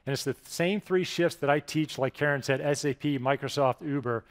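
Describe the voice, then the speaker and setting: A man in his forties from Pittsburgh, USA, with an American accent, gives a conversational keynote on a large conference stage before a live audience, using a headset mic. His fairly high voice moves at a moderate pace through self-deprecating stories and frequent restarts, with long hall reverb from the stage.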